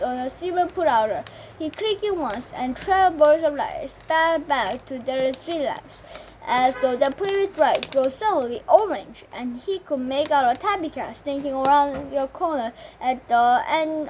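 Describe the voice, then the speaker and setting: A woman reads an English children's book aloud for her channel. Her voice is high and light. She reads carefully and haltingly, often going back to restart a phrase, with a faint hum of room noise behind her. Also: darkish tone. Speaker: channel host reading aloud.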